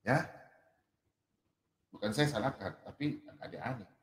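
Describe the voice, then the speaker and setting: A man giving casual online Bible teaching, joking and poking fun at himself, and reading verses slowly and drawn out. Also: on the high side. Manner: animated, joking, self-mocking. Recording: echoey room with long reverb.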